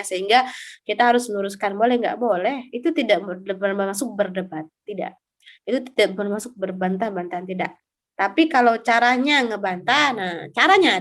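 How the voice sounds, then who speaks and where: A young woman teaching an online religious study class, talking casually and answering her own questions. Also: medium pitch. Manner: recites Arabic text slowly for students to repeat. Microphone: voice recording.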